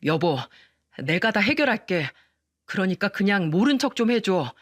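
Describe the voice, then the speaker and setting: A woman voicing a meek young husband who pleads and apologizes softly, read as part of a narrated story. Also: mid-range voice, big pitch swings, moderate pace, no room sound, clean studio sound. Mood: pleading.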